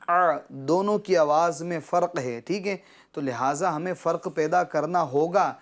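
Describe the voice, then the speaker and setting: Patient male Quran teacher. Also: sits high. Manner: patient, repeats "theek hai?" to check understanding; drawn-out slow syllables when modelling pronunciation. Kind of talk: children's Quran recitation lesson.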